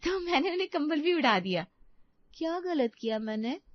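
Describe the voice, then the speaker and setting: A cheeky, mischievous young bride, voiced by a woman in an audio family drama. Her voice is fairly high and teasing, and the recording is dull and dry. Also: very animated, normal speed, dry recording. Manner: teasing, sing-song.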